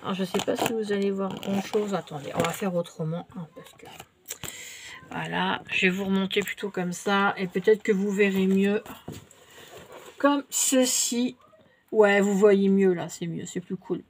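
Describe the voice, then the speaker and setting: A woman's voice: mid-range voice, steady tone, unhurried, slight background noise. A French-speaking woman chatting casually to her viewers while showing a shopping haul, with many fillers and little hesitations. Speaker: haul vlogger. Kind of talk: casual show-and-tell haul.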